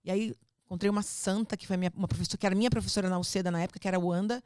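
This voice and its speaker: A Brazilian mother with a Brazilian Portuguese accent gives parenting advice in a casual podcast chat, pressing her points emphatically and repeating them firmly. Her medium-pitched voice is steady, rapid-fire, and darkish, recorded in a clean studio without echo.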